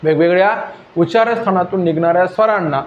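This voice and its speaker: Teaching grammar with a Vidarbha Marathi accent, this high-pitched, fast-talking man keeps repeating himself and quizzing the class with questions. The audio is roomy and lo-fi, with a little hiss or hum.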